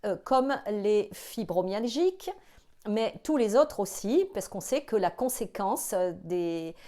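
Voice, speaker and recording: A woman's voice: mid-range voice, animated, takes it slowly, warm tone. Hesitant woman explaining to camera. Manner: hesitant, many filler sounds and restarts. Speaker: psychologist and video host. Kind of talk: casual explanatory talk to camera.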